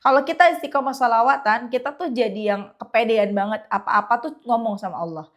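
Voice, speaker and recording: Chatty woman, bright and lively. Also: fairly high pitch, brisk. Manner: chatty, animated, slips into quoted prayers. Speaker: religious content creator. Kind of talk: casual motivational talk to viewers.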